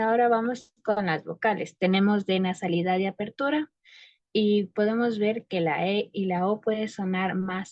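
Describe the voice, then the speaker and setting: A woman's voice: mid-range voice, dry recording, dull audio. A woman student giving a class presentation, explaining her points with spoken examples.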